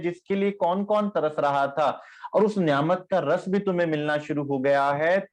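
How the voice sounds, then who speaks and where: A man giving a devotional discourse on scripture, speaking tenderly to his listeners and chanting verse lines slowly. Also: sits high. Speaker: spiritual teacher.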